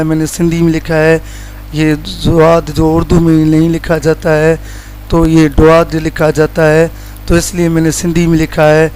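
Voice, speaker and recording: A man from Pakistan teaching Quran letter pronunciation in a plain explaining tone, stretching each letter slowly as a model sound. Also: on the high side, a little mellow, smooth, poor audio.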